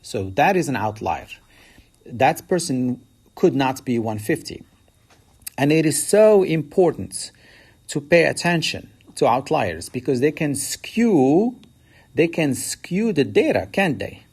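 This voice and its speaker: In a recorded statistics lecture, a male math teacher walks through the material step by step in an explanatory style. His darkish, breathy voice moves slowly and swings widely in pitch, rising to emphasize key words and points.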